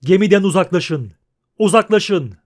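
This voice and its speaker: A man voicing a wounded male cavalryman who shouts harsh orders at a crowd in an audiobook. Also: high voice, lively intonation, normal speed, pitched above the performer's own voice. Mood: commanding.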